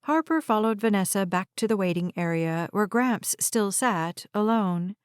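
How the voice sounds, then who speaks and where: A woman's voice: mid-range voice, lively intonation, normal speed, clean tone, dry recording. Woman narrating an audiobook, dry and close. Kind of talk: scripted narration.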